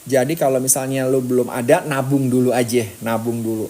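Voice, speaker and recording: A man's voice: medium pitch, steady tone, brisk, mellow. A man coaching public speaking in casual, slangy talk, firing rhetorical questions at the viewer.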